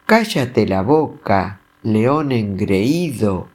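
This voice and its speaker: A man's voice: fairly low pitch, animated, very slow, a little mellow, exaggerated voice. A man voicing a whiny, grumpy crocodile with sore knees in a storybook reading, shrieking and fussy. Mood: scolding. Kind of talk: storybook voice acting.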